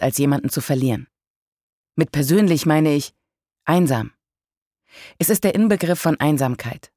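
Brief: audiobook narrator, measured first-person reading, wry humor, close and dry. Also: mid-range voice, darkish tone, no echo.

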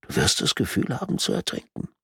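Man whispering as a calm sadistic torturer. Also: no room sound, clean studio sound, natural voice. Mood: quiet menace. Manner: soft, menacing whisper, slow and deliberate. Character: calm sadistic male torturer posing as surgeon.

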